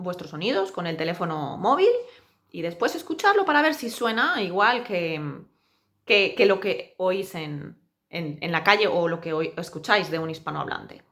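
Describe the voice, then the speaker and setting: A woman teacher giving a pronunciation lesson, saying example words slowly and with exaggerated care. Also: on the low side, fairly bright tone. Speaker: Spanish teacher.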